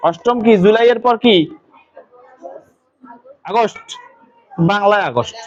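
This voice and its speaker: A man teaching an English pronunciation lesson to a class, quizzing students with quick questions. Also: high-pitched, dull audio.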